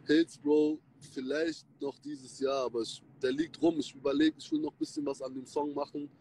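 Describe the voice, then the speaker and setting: Riding in the back of a taxi at night, a laid-back rapper livestreams to fans from his phone's front camera held close. His male voice is a little high, fairly even in intonation and moderately paced, his slangy talk swinging between loud and mumbled. The audio is poor, phone-quality, with car noise.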